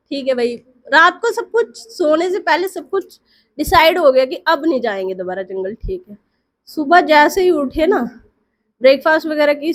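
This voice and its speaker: A woman telling a story in a chatty, casual way, often checking in with her listeners. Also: high-pitched.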